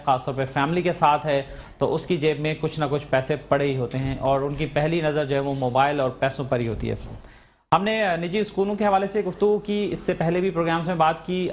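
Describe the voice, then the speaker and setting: A male TV talk show host in a studio, asking measured, probing questions and pausing on thoughtful fillers between them. His voice sits a little high for a man, with a faint hiss of noise under it. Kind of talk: TV talk show hosting and interviewing.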